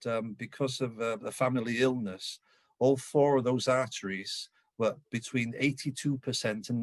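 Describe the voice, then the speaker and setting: A middle-aged man from North Wales with a Welsh accent gives an anecdotal local history talk, telling stories in a lively way and acting out the dialogue. His voice is medium-pitched, recorded with no echo.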